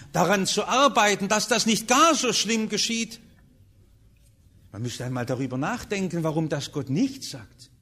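A man preaching a sermon as pastor, emphatic, swinging between raised urgent passages and hushed low ones. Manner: emphatic preaching with strong rises and hushed drops.

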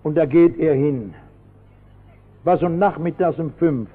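A man preaching a sermon in a church, fervent and dramatic, telling a story with sudden shouted lines. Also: on the high side, unhurried, husky. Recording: tinny old radio broadcast with long hall reverb.

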